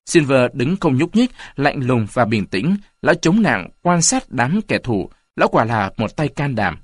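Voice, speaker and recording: A man narrating a story aloud in an expressive reading style. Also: mid-range voice, measured pace, husky, no echo, studio quality. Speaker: audiobook narrator.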